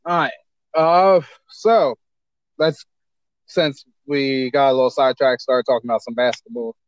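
A man co-hosting a casual podcast, talking in loose, slangy, animated banter. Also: medium pitch, a little slow, smooth, dry recording, muffled recording. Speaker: podcast co-host. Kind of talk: casual chat.

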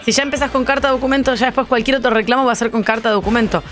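Co-host, acento rioplatense, expresiva; voz algo aguda. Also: female voice, a little high, fairly even intonation, rapid-fire, fairly bright tone, faint music behind. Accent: Rioplatense Spanish. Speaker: radio show co-host. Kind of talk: casual chat.

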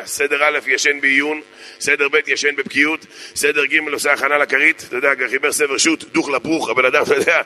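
Male rabbi for a joke-filled sermon, very bright cutting tone, punchy repetitions. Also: a little high. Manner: joking storyteller, repeats phrases for emphasis. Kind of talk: humorous sermon.

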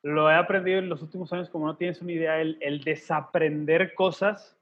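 Man, thirties, breathy voice, earnest podcast chat, dull lo-fi audio. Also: fairly high pitch, fairly even intonation, a little fast. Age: 30s. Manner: earnest, storytelling, slangy asides. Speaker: podcast co-host. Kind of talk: casual faith podcast conversation.

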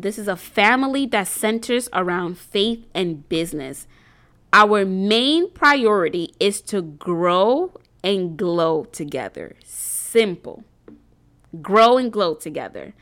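A woman with a mid-range, fairly bright voice hosts a faith and business group, speaking casually and earnestly to her viewers. Her manner is preacherly, and she rambles a little with many ums and restarts.

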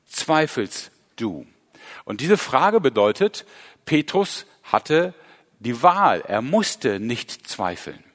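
Earnest German-speaking male preacher in a hall. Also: mid-range voice. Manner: earnest, storytelling with rising emphasis. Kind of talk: sermon.

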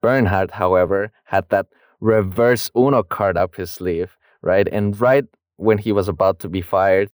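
Smooth-voiced young man chatting casually. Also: deep voice, fairly even intonation, no echo, studio quality. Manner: chatty, slangy retelling with laughs and quick voiced asides. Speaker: podcast co-host. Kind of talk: casual book discussion.

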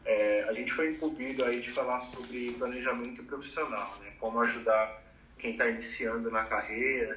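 A man's voice: mid-range voice, pushed and bright, echoey room, recorded from a distance, poor audio. A man in his thirties from Brazil, talking casually about career planning with many fillers. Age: 30s. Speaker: advertising professional giving career advice. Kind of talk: casual conversation.

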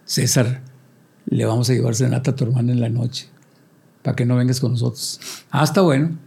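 An older man telling lively stories as a band member, acting out quoted voices and sound effects in casual talk. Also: mid-range voice, fairly quick, gravelly. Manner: animated storyteller, acts out quotes and sound effects. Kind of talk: casual storytelling interview.

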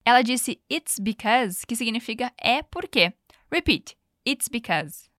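Woman teaching English, slow model phrases. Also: a little high, lively intonation, fairly bright tone, no room sound, clean studio sound. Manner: patient, coaching, slows down for model phrases. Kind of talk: podcast language lesson.

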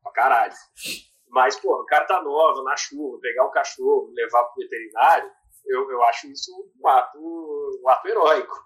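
A man's voice: mid-range voice, normal speed, fairly bright tone, rough recording. A man who talks in an earnest, emphatic way on a casual podcast. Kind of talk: casual chat.

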